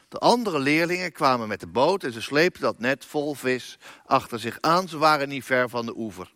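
Male pastor, Bible reading, unhurried and very lively in pitch, dry close sound. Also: dry recording. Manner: slow, lively reading with raised voices for quoted speech. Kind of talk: Bible reading in a church service.

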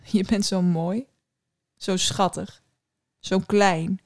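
A woman voicing a young prince, doting, cheerful and self-absorbed, who speaks brightly and eagerly. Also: medium pitch, fairly even intonation, extremely slow.

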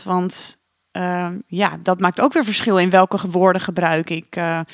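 A woman hosting a solo podcast as a coach, talking in a calm, reflective and encouraging way with the odd filler sound. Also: medium pitch, no echo, clean studio sound.

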